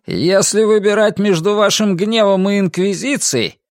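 A man's voice: sits high, moderate pace, no room sound, studio quality, voice pushed up. A man voicing a fearless village headman who answers defiantly. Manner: defiant, fearless, slightly shaky. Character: bold male village headman, defiant peasant.

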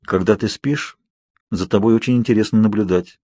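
A man voicing a calm, mysterious young man in an audiobook, speaking quietly and gently teasing. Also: fairly low pitch, moderate pace, no room sound, natural voice. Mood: hushed.

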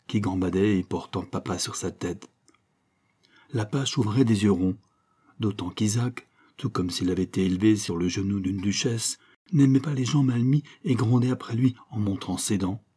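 A man narrating a novel as an audiobook reader, in measured storytelling. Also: on the low side, dark tone, slightly rough.

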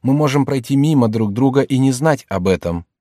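A man's voice: medium pitch, expressive, brisk, warm tone, no echo, clean studio sound, voice pushed up, lightly acted. A man voicing an anxious woman in her forties searching for her lost son, in a pleading, emotional tone.

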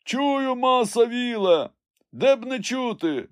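A man voicing a stocky, simple-spoken male servant who calls down plaintively from high in a tree, in an audiobook. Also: animated, takes it slowly, dry recording, studio quality, full character voice. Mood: fearful.

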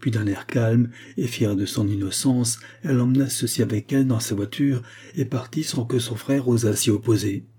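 Reading from a classic novel, this husky-voiced man with a medium pitch delivers scripted literary narration as an audiobook narrator, keeping his storytelling steady and measured.

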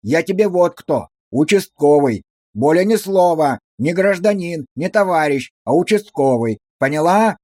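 A stern village policeman, as a male narrator plays him, giving curt orders in a somewhat high man's voice. The sound is dry and close to the mic. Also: animated, unhurried, a little mellow, no room sound. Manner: curt, commanding. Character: stern rural police officer, gruff and dry.

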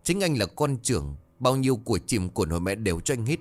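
An indignant younger brother throwing blame back at his elder, as a male narrator voices him. The low voice turns sharp and accusing, with wide swings of pitch and faint music under it. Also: very animated, quick pace. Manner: blunt, accusing. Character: indignant younger son, middle-aged man.

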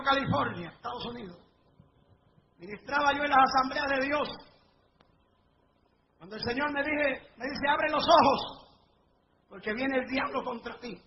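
High-voiced fervent male evangelist preaching. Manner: fervent storytelling, rising to shouts at climaxes. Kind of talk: live revival sermon with testimony. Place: church or revival meeting before a live congregation. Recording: dull lo-fi recording with faint noise.

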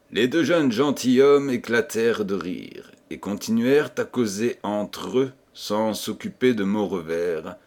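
A man reading a novel aloud as an audiobook, unhurried and expressive, giving each character a shift of voice. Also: on the low side. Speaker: audiobook reader. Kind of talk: scripted narration with character voices.

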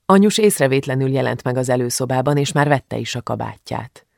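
An audiobook narrator reading a novel in a calm, measured way. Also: mid-range voice, gravelly, no room sound, clean studio sound. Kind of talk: scripted narration.

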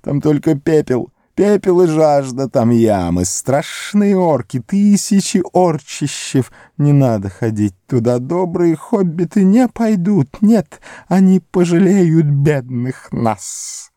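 A man's voice: fairly high pitch, very animated, slow, hardly any pauses, dark tone, dry recording, clean studio sound, pitched above the performer's own voice. A man voicing Gollum, a wretched, cunning creature who whines, hisses and pleads in an audiobook. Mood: frightened pleading. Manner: whining, hissing, pleading. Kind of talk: audiobook character voice.

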